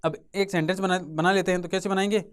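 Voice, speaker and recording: Here the Rajasthani-accented instructor speaks in a high, smooth voice with a steady tone and a quick pace. He drills English vocabulary for exam prep, repeating words and asking and answering his own questions. The setting is a classroom or studio with a writing board, recorded close to the mic.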